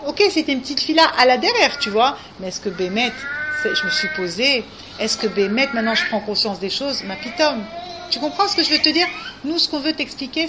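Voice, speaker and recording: Against a noisy background, a religious teacher offers a group earnest spiritual guidance in a slightly high voice. She coaxes them along and keeps repeating her questions, often asking whether they understand.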